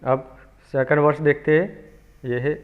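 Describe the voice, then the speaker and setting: A man teaching a children's alphabet lesson, speaking slowly and patiently, repeating each sound for young pupils. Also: fairly high pitch, little pitch movement, clean tone. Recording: tinny phone-like recording.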